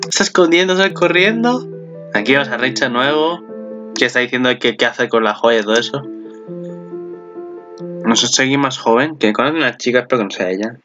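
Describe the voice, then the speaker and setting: A man with a Spain Spanish accent giving excited reaction commentary, gushing, swearing and squealing in delight. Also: mid-range voice, normal speed, pauses often, muffled recording, music in the background. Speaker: anime reaction channel host.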